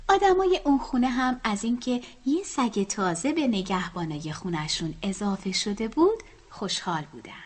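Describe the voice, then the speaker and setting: Woman whispering a breathy bedtime story. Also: on the high side, expressive. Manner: soft, hushed and gentle.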